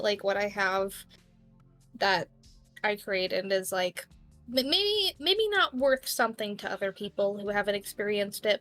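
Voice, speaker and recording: A woman's voice: medium pitch, fairly bright tone. Rambling young woman guest. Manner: rambling, filler-heavy. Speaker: guest club owner. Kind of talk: casual chat.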